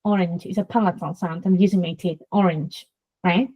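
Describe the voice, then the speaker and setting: A woman's voice: fairly low pitch, fairly even intonation, a little fast, muffled recording. A woman with a Spanish accent, a native Spanish speaker hosting an interview, explaining sounds in a lecturing way and demonstrating them aloud. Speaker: host, Spanish teacher.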